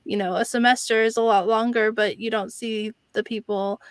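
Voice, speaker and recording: Clear, higher-voiced woman hosting. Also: steady tone, moderate pace, no echo. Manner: conversational, frequent "like" as filler. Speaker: interviewer, host. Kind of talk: casual chat interview.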